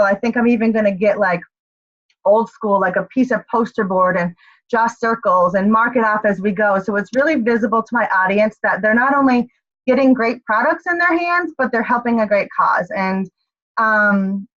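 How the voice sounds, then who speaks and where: A woman's voice: fairly high pitch, fairly bright tone, muffled recording. Upbeat woman rallying her team on a call. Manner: upbeat, rallying, repeats points with "okay?". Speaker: team leader on a group call. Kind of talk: motivational group call talk.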